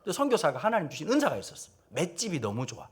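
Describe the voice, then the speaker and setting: A middle-aged pastor from South Korea's Gyeongsang region, speaking with that accent, preaches at a teachers' seminar using blunt humor and acted-out quotes. His voice is on the high side, rapid-fire, with wildly swooping pitch and a breathy edge.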